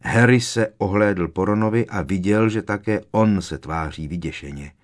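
A man reading a novel aloud as an audiobook narrator, measured and expressive. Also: fairly low pitch.

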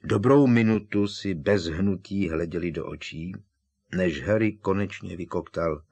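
A man narrating an audiobook in a calm, measured way. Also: low voice, breathy edge. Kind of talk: scripted narration.

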